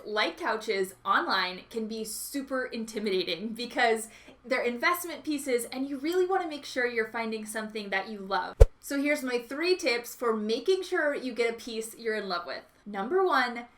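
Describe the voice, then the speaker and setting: A woman's voice: a little high, expressive, moderate pace, sharp tone. A woman hosting a home makeover vlog with upbeat, enthusiastic, gushing DIY narration.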